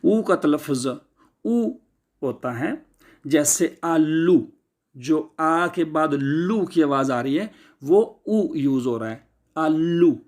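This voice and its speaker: A man whose first language is Urdu teaches Italian pronunciation in a relaxed, patient way, drawing each sound out and repeating it. His voice sits a little high for a man. He ends many points with a quick check-in word. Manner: slow, repeats each sound, tags lines with "theek hai". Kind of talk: casual spoken lesson explaining pronunciation.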